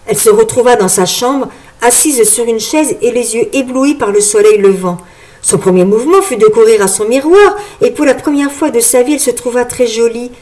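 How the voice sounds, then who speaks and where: A woman narrating a storybook in a measured, even storytelling manner. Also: on the high side. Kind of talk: storybook reading.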